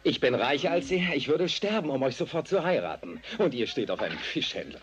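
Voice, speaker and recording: A man's voice: medium pitch, sing-song, brisk, slightly rough. A man dubbing a pompous, rich male suitor in a film who talks in a boastful way.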